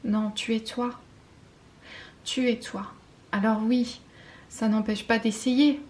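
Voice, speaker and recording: A French woman giving a spiritual card-reading guidance, talking softly and intimately, often slipping into a whisper, with hesitant fillers and self-mocking laughs. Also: a little high, steady tone. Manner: slow, soft and intimate, often dropping to a whisper. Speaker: tarot card reader.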